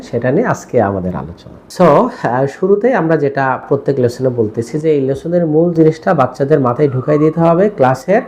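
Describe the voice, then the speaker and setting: Slow sing-song Quran teacher, man. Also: a little high, mellow. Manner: slow sing-song drilling of rules with questions and answers. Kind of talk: teaching lesson with slow chanted recitations.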